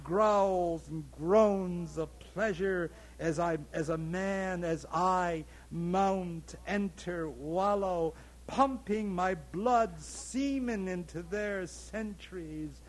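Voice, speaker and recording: A man reading a dramatic monologue as a lusty, grandiose colonial frontier landowner, in a slow, declaiming way that swells loudly on words. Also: high-pitched. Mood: rapturous.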